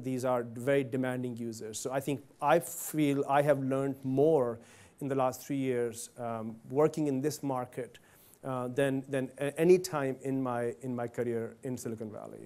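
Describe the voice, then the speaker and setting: This man in his forties from Pakistan speaks to students as a company CEO in a university event hall, keeping it conversational and asking the audience questions directly. His voice is mid-range and slightly dark in tone.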